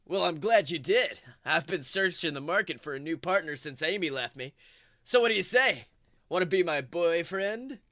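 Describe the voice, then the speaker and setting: Man as cocky, high-voiced cartoon hedgehog Sonic. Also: expressive, normal speed, sharp tone, dry recording, studio quality. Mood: flirty, eager. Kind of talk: comic fan fiction read-aloud.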